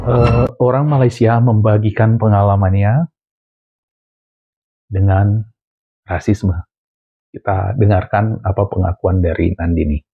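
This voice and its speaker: Gravelly man with a tinny sound. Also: lowish voice, fairly even intonation, a little slow, long pauses, no echo. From Indonesia. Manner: emphatic, repeats points. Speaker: vlog host commenting on clips. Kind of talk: commentary on video clips.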